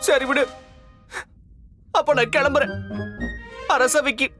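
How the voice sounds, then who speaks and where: A grown son in a TV serial who grows exasperated with his mother and complains about going hungry. Soft music runs underneath. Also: very high voice, fairly even intonation, slow pace, full character voice. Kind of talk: TV serial acting.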